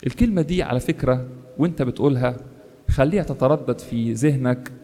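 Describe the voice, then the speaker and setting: A man with an Egyptian Arabic accent preaching a sermon, animated, jumping up in pitch for quoted voices and emphasis. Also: fairly quick. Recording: long hall reverb.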